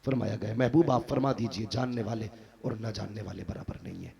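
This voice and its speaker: A man preaching a fervent religious sermon, swinging from loud exhortation to low, earnest tones. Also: brisk, gravelly, a crowd in the background. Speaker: Islamic preacher. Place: madrasa gathering.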